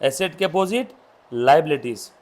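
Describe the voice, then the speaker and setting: A man's voice: a little high, animated, normal speed, a little mellow. A man, teaching accountancy to a classroom and drilling students with questions. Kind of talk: classroom lecture.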